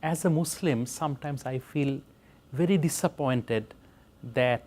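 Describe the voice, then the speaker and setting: A middle-aged man from Bangladesh, a professor speaking in an interview in an earnest, measured way with frequent pauses and fillers. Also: medium pitch, darkish tone. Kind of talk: reflective interview talk.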